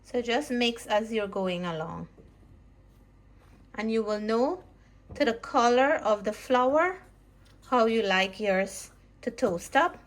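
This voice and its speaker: A woman's voice: a little high, lively intonation, slow, long pauses. A woman from Guyana hosting a cooking vlog, explaining each step of a recipe in a chatty, homely way. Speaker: cooking vlogger. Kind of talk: casual vlog narration. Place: outdoors in snow, then a home kitchen.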